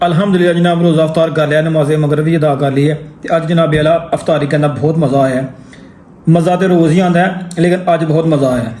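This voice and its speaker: A man's voice: fairly high pitch, steady tone, quick pace, darkish tone. A man with a Pakistani Punjabi accent chatting casually to viewers as a vlogger, often listing things one by one and peppering his talk with filler forms of address. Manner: repeats filler address words and lists items one by one. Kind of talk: casual vlog chat to viewers. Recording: clear ambient and car noise.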